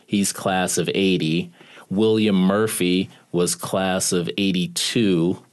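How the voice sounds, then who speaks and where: A man's voice: low-pitched, steady tone, takes it slowly. A man telling a personal story in an interview, now and then quoting his father's words. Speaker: guest recalling his recruitment.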